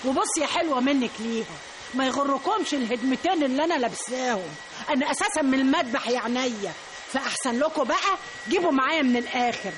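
A loud, threatening butcher woman with an Egyptian accent, in a high voice at a rapid clip. She sounds coarse and bullying, like she is ready to fight. The old radio recording has a steady hiss behind it. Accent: Egyptian Arabic. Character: brash menacing woman butcher, rich and threatening. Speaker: butcher-shop owner customer. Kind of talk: radio drama acting. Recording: noisy old radio broadcast.

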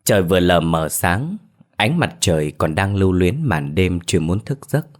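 A man narrating a scripted ghost story in a calm, measured storytelling manner. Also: deep voice.

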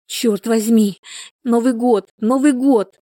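A woman voicing an excitable pregnant young woman in labor, crying out in a shrill, panicky way. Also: normal speed, dry recording, clean studio sound, natural voice. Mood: panicked.

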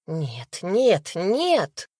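A woman's voice: lowish voice, wildly swooping pitch, extremely slow, a little mellow, slightly rough, dry recording, clean studio sound, heavily acted. A woman reading an audiobook, voicing a frightened young man under suspicion who speaks in a broken, pleading way. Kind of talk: audiobook character voice.

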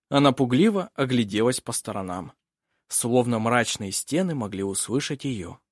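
A man reading an audiobook in an expressive narration style. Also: medium pitch, moderate pace, no echo, studio quality. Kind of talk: scripted narration.

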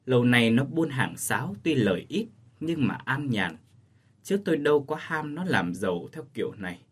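A man's voice: medium pitch, very animated, moderate pace, breathy edge. A man reading as a grieving old schoolteacher. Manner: choked, sorrowful speech. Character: older village schoolteacher father, grief-stricken, resigned.

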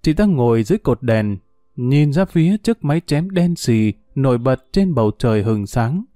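A man narrating a story in a measured, somber way. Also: medium pitch, big pitch swings, dark tone, no room sound, studio quality. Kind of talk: audiobook narration.

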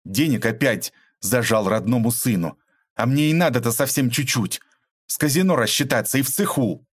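A man's voice: medium pitch, normal speed, no echo, clean studio sound, pitched above the performer's own voice, natural voice. A man reading an audiobook aloud, voicing a sullen young man in debt who grumbles and panics.

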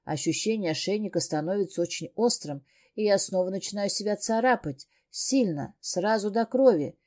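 A woman's voice: medium pitch, lively intonation, moderate pace, a little mellow. A woman narrating a first-person audiobook in an intense, emotional way. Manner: intense, emotional, breathless reading.

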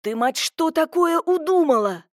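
A woman voicing an irritable, gruff middle-aged man who grumbles and shouts. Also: fairly high pitch, lively intonation, normal speed, no echo, clean studio sound, lightly acted. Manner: grumbling, then bursts of shouting.

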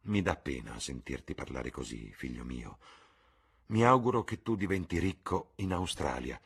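A man's voice: deep voice, sing-song, breathy edge, exaggerated voice. A man murmuring as a weary theatrical mother. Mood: anxious. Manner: soft, slow, murmuring.

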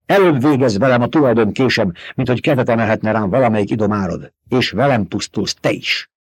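A man voicing a defiant, doomed male slave gladiator with a rough, strained voice, in an audiobook. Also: medium pitch, no echo.

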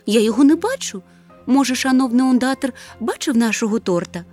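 A woman voicing a gentle, caring troll mother who talks in a soft, fussy, soothing way. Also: fairly high pitch, expressive, brisk, faint music behind, voice pushed up. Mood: fussing.

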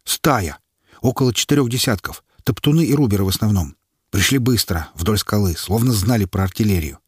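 Man doing a weary young lieutenant reporting, husky voice, dry sound. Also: fairly low pitch, expressive, fairly quick, dry recording. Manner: dutiful, reporting. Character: tired wounded young male lieutenant.

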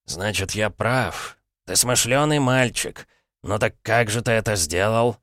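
A man voicing a sly, pompous middle-aged uncle, smooth and mock-courteous, with an ironic tone. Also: lowish voice, a little slow, a bit bright, dry recording, clean studio sound, pitched above the performer's own voice. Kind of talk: audiobook character voice.

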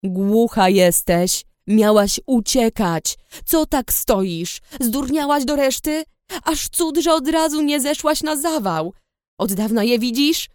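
A woman voicing an angry young man, a dragon rider with a low, warm voice who barks his words slowly. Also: vocal fry, dry recording, clean studio sound. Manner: barking, slow and forceful.

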